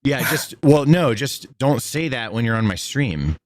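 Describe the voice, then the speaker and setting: A man's voice: mid-range voice, sing-song, no echo. A man streaming casually and directing an editor in a blunt, bossy, sweary way, drawing out his S sounds. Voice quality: drawn-out S sounds. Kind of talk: casual live-stream talk.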